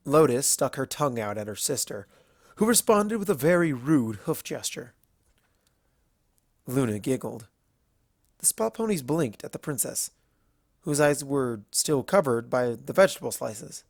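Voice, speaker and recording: Reading fiction from a script, a male narrator speaks at a medium pitch with lively intonation. He goes a little slow and pauses often. The recording is dry, with very little room sound and no echo.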